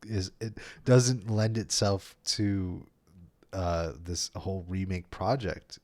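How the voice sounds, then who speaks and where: A man with a very low voice, talking on a casual podcast. He sounds earnest and puzzled as he makes his point. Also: fairly even intonation, takes it slowly, darkish tone.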